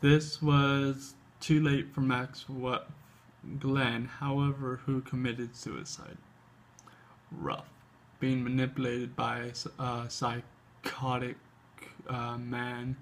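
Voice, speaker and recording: A man hosting a comic book show, reading aloud haltingly with casual asides, his speech slightly tripped up by an overbite. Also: medium pitch, little pitch movement, slight background noise. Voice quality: slight speech impediment from an overbite, tongue flicking at upper lip. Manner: halting reading, stumbles and repeats words.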